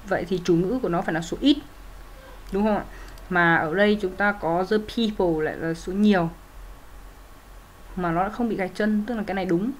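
A woman's voice: mid-range voice, brisk, long pauses, slight background noise. A woman teaching English grammar, working through answers step by step in a methodical way, with frequent fillers and self-corrections. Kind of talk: explaining grammar exercises.

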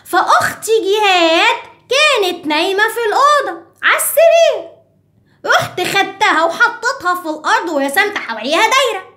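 A woman's voice: extremely high pitch, very animated, a little fast, sharp tone, heavily acted. A woman with an Egyptian Arabic accent voicing a cheeky, chatty little girl who talks to the children as her friends while teaching an English lesson. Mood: playful.

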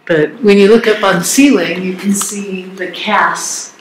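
A man working as a tour guide, explaining things in a halting, thoughtful way inside a cave with an echo. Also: high-pitched, steady tone. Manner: halting, thoughtful phrasing with repeated words. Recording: echoey cave with faint background noise.

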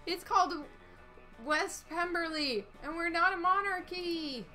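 A woman voicing a tiny, indignant citizen of a miniature city, pedantic and shrill. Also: a little slow, sharp tone, faint music behind, full character voice.

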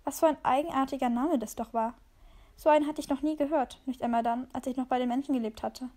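A woman reading a fan story aloud with expressive first-person storytelling. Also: high voice, fast. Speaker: story reader.

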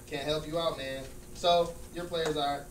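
A man's voice: fairly high pitch, fairly even intonation, unhurried, natural voice. A man acting out a smug, exasperated friend who mocks and corrects emphatically in a comedy scene. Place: large room with small stage, indoors. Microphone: far camera. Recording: distant, echoey room with hum and noise.

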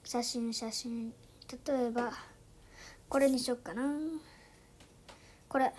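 A chatty woman with a high, light voice walks viewers through a phone app in a casual tutorial. She fills her talk with little fillers and often drops into soft, near-whispered asides. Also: flat delivery, slow pace, a little hiss or hum. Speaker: YouTube channel host.

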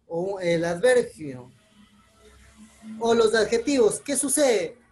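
Patient woman teacher, measured delivery, spells things out for her students. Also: medium pitch, lively intonation, mellow, slight background noise. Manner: patient, explains slowly step by step, spells out letters. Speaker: English teacher. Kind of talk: recorded online class explanation.

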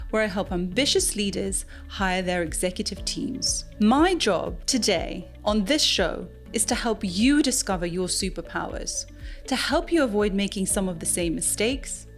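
Upbeat woman hosting a podcast. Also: medium pitch. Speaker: podcast host. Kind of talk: podcast intro and interview. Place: bright living room. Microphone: studio mic on boom arm.

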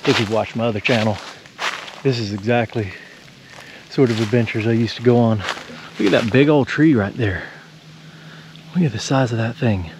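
A man's voice: mid-range voice, normal speed, pauses often, noisy background. A man, narrating casually as he explores rural woods and thinks aloud about what he finds. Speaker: explorer vlogger.

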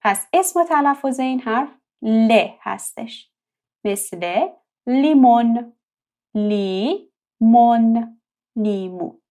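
A young woman teaching a language lesson, calmly explaining and repeating example words slowly and clearly. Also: fairly high pitch. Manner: slow, drawn-out repetition of example words.

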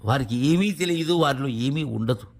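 A man's voice: medium pitch, normal speed, a little mellow. Man giving a devotional discourse. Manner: explanatory, repeats points, asks rhetorical questions. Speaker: spiritual teacher explaining verses.

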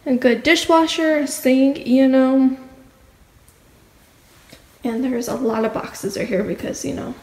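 Holding her phone out at arm's length, the teen vlogger rambles through the empty house, full of filler words. Her high, darkish voice stays fairly even, moving at a measured pace with frequent pauses. Bare walls make the rooms echoey, and a faint hum lingers.

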